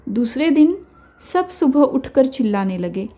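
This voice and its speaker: A woman telling a family story in scripted narration, with plain, steady delivery. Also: high-pitched, a little slow.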